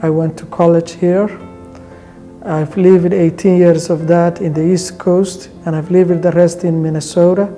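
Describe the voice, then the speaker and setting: A man delivers a composed, formal statement in a very dark, mellow voice. His pitch stays flat and steady throughout. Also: a little slow, faint music behind. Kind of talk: interview testimonial.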